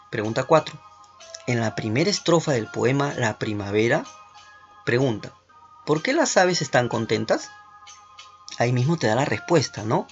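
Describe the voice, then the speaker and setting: A man teaching an online class to schoolchildren, talking them through questions in an encouraging way. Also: mid-range voice. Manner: encouraging, asks many questions with tag "¿no?". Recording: dull lo-fi recording with faint music.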